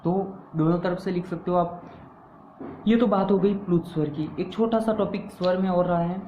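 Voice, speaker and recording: A man's voice: high-pitched, steady tone, normal speed, slight background noise. A man teaching a grammar lesson, asking his listeners questions, answering them himself, and repeating the key terms. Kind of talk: classroom-style grammar lesson. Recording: echoey room over a tinny phone-like line.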